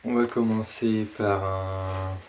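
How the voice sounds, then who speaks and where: A man casually presenting and unboxing a box of fishing lures, pausing often with fillers. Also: on the low side, flat delivery, noisy background. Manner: slow, hesitant, many fillers. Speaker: fishing vlogger.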